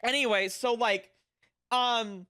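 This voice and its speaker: Cute, bubbly anime-style livestreamer with animated chatter. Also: mid-range voice, slow, smooth. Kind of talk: casual livestream chat with viewers.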